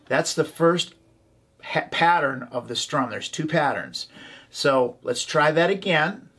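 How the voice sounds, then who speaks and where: A man's voice: a little high, animated, takes it slowly, fairly bright tone, slightly rough. A man teaching a ukulele tutorial, calling out chords and strums and chanting rhythm syllables. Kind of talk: instructional tutorial. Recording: ukulele playing behind the voice.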